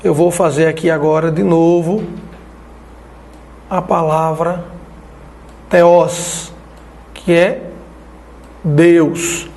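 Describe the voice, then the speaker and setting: Slow high-voiced man teaching Greek. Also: level tone, a little mellow. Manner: slow explanatory, checking in with "né?" and "ó". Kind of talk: online Biblical Greek lesson.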